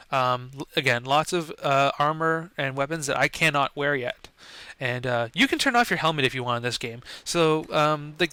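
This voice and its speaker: Young male game commentator: bright, forceful tone, slightly high voice, rambling casual delivery full of fillers. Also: smooth, no room sound. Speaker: gameplay commentator.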